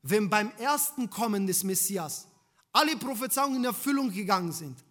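A male preacher delivering a sermon in a high, bright voice. He presses his points with rhetorical questions to the congregation, his delivery swinging between loud emphasis and hushed lines. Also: lively intonation, normal speed.

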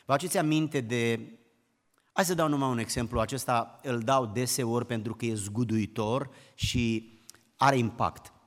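A man preaching a sermon, emphatic, climbing to loud exclamations and then dropping low. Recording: long hall reverb.

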